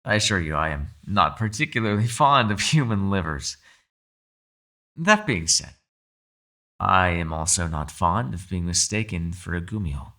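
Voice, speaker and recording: A man's low, crisp, bright voice brings an imprisoned fox spirit to life in this ASMR roleplay. At a moderate pace, he is expressive and exaggerated, taunting with mock politeness, sweeping theatrical intonation and a hint of quiet menace. The mood is amused and teasing.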